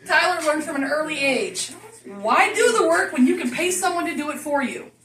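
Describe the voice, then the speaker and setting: A woman's voice: sits high, expressive, moderate pace, a bit bright, echoey room, distant mic, slight background noise. A woman giving a profane, teasing roast, laughing through her jokes. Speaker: roast speaker. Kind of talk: casual roast toast.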